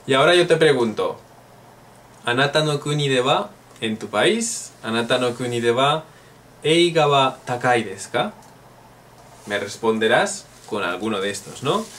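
A man's voice: mid-range voice, big pitch swings, measured pace, pauses often, a bit bright, recorded from a distance, slight background noise. A man from Spain, teaching a playful online Japanese lesson and drilling phrases aloud.

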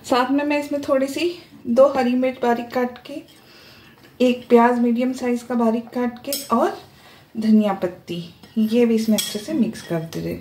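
Woman calmly explaining a home recipe. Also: on the high side, normal speed, a little hiss or hum. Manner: calm step-by-step explaining. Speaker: cooking channel host. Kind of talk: home cooking tutorial voice-over. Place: home kitchen.

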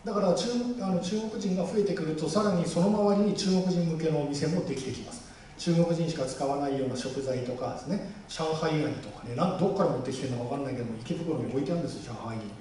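A man giving a lively public speech to a live audience in a large hall, joking and acting out the voices he quotes. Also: a little high, fast talker, a little hiss or hum. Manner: animated, jokey, acts out quoted voices. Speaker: guest speaker at a campaign rally. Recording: echoey hall, mic far off.

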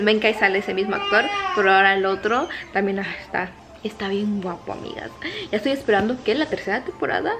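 A young woman, rambling to camera in a casual vlog at home at night, keeping her voice low while others sleep. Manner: chatty and rambling, with many fillers. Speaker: vlogger.

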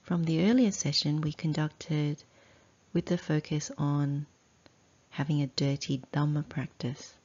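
A woman guides a meditation as a teacher instructing students, her voice low, mellow, husky and steady. She speaks very slowly and deliberately in short phrases separated by long pauses, and the recording is slightly dull.

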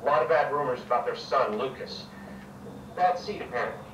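A man's voice: medium pitch, lively intonation, a little fast, fairly bright tone, roomy sound, distant mic, slight background noise, close to an everyday voice, low-quality recording. An actor playing a terse male TV producer in a video game, speaking in a clipped, matter-of-fact way.

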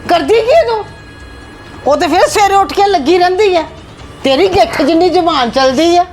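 A woman's voice: a little high, expressive, brisk, faint music behind, close to an everyday voice. A woman playing a stern mother-in-law who scolds and demands answers in a family drama skit. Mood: scolding. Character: stern mother-in-law, scolding and proud of her elder daughter-in-law.

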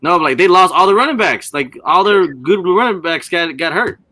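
A man with a lifted, bright voice that swings widely in pitch, talking over a video call. He is animated and chatty and keeps jumping in with questions. It is a loose, casual group conversation. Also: moderate pace.

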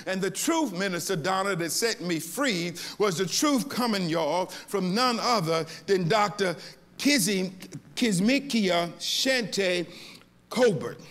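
A man's voice: high voice, sharp tone. A older man preaching a sermon as pastor, sliding into a sung, whooping cadence and calling out to the congregation.

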